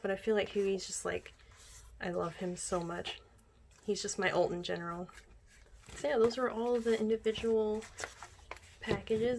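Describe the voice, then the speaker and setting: A young woman chatting casually while unboxing a music album, gushing as a fan and often dropping into excited whispers. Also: medium pitch.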